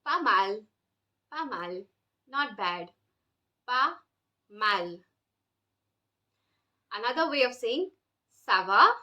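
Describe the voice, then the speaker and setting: A woman's voice: on the high side, very animated, extremely slow, pauses often, bright, forceful tone, dull audio. A woman teaching a beginner language lesson, explaining patiently and drilling words for the listener to repeat. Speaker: French teacher.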